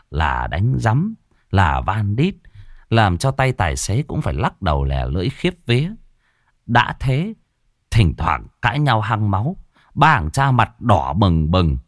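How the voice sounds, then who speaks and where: A man narrating a comic ghost story in an expressive, mocking way. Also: fairly low pitch, dry recording, studio quality.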